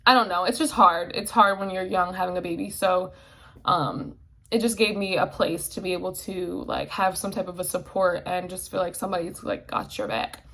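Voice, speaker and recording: Her voice sits fairly low with a fairly bright tone at a normal pace as this twenty-something vlogger opens up on camera. She swears and uses plenty of fillers, getting emotional and tearful at points.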